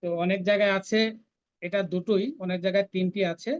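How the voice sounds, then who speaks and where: In a scripture recitation lesson, a woman chants verses one at a time at a slow pace before walking through their pronunciation. She speaks in a mid-range, level tone, and the audio is dull.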